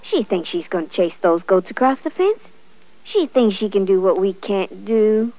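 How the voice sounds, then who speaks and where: A woman's voice: medium pitch, animated, normal speed, dark tone, no echo, dull audio, faint music behind, lightly acted. A woman voicing a boastful male rabbit who teases and brags. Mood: scoffing. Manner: cocky, teasing.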